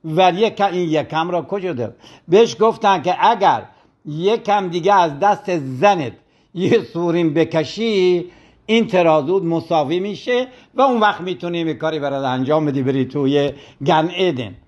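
Man, religious teacher, sermon storytelling, somewhat high voice, dull lo-fi broadcast sound. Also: darkish tone. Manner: storytelling, acting out quoted complaints.

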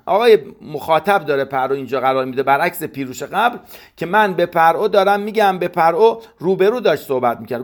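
A man giving a verse-by-verse Torah commentary lesson, reading Hebrew lines and explaining them slowly. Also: a little high. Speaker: Torah teacher.

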